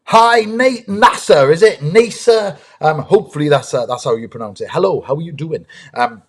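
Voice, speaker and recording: A man's voice: a little high, expressive, brisk, slightly rough. A man hosts a live stream for young viewers. He is eager and chatty, with many ums as he greets viewers. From United Kingdom. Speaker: host, dinosaur ranger.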